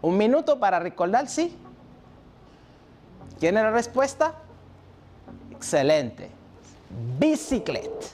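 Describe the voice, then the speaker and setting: A man's voice: very high voice, very animated, measured pace, long pauses, darkish tone. A man teaching a televised French lesson, drilling vocabulary and switching between French and Spanish while encouraging students with praise.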